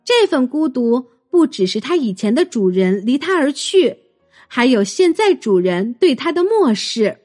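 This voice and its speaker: A woman narrating a children's story in a gentle, expressive way. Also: high voice, measured pace, soft background music.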